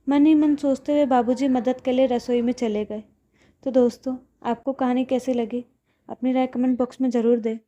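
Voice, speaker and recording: A woman tells a scripted family story, speaking every character's lines in her own voice. Her voice sits high but sounds mellow and soft-edged. The recording is a little dull and lo-fi. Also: steady tone, moderate pace.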